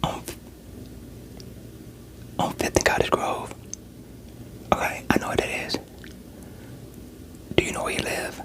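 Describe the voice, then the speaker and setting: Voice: a little slow, long pauses, lightly acted, rough recording. A performer in a whispered role-play voicing a veteran police interrogator who coaxes and pressures a suspect in a sceptical, streetwise way. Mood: probing, coaxing.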